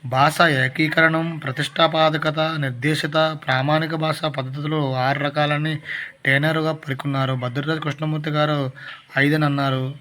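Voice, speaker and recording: A man's voice: a little high, flat delivery, normal speed, bright, forceful tone. A man reading Telugu dialect study notes aloud for exam preparation, listing word forms one at a time and correcting himself as he goes. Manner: reads lists of word forms one by one with restarts. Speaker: exam prep teacher.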